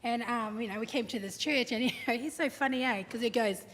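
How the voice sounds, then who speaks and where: High-voiced New woman sharing a eulogy. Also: fairly quick. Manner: chatty, humorous storytelling, acts out quotes. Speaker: daughter giving a eulogy. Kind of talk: eulogy at a family service. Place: large hall at a memorial service. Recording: echoey hall, faint background noise.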